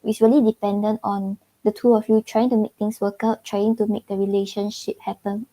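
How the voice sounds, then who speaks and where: A Singaporean woman with a Singaporean English accent gives casual tarot readings on a livestream, her mellow mid-range voice flat and a little fast. She chats loosely, giggles often and fills her speech with "like." The recording quality is low.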